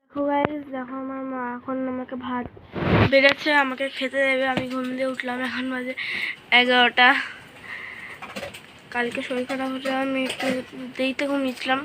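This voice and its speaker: A young woman with a hoarse voice and a stuffy nose from a cold, chatting casually to her vlog camera as she shows her meal and home. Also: high voice, completely flat delivery, moderate pace, background noise. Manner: chatty, showing things to camera. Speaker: vlogger.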